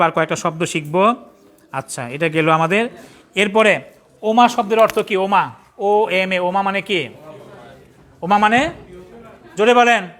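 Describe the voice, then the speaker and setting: A Bangladeshi man leads a pathology class in a classroom, his voice pitched high and bright. He fires questions at the students and spells out medical words letter by letter. He jokes and scolds in a casual way. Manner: quizzing the class with call-and-response, spelling terms out letter by letter; scolding latecomers and joking in colloquial speech. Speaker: pathology trainer. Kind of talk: classroom lecture.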